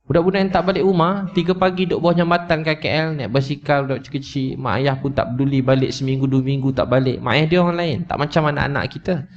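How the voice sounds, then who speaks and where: A man's voice: a little high, fairly even intonation, quick pace. A man preaching to a live audience, telling a story with emotion, repeating his points and speaking straight to his listeners. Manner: emotional, repetitive, addresses listeners directly. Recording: slightly dull lo-fi recording.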